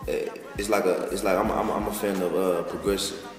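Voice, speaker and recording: A young man in his twenties from Texas, a musician answering interview questions in a halting, slangy way with many restarts. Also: low-pitched, level tone. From Texas, USA. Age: 20s. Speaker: guest musician. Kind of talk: casual interview talk. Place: lounge with large windows, indoors. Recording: echoey room, far from the mic, music behind.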